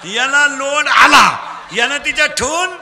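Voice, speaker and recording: A man with a Khandeshi Marathi accent preaching a humorous kirtan sermon, teasing and drilling children in call-and-response and shouting prompts at them. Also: very high-pitched, measured pace, big-room sound.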